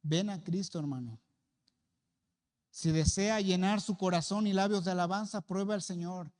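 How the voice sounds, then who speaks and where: A man's voice: sits high, moderate pace, darkish tone. A man with a Mexican accent preaching a sermon as a pastor, speaking earnestly and appealing directly to the congregation. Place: church sanctuary. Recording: long church-hall reverb.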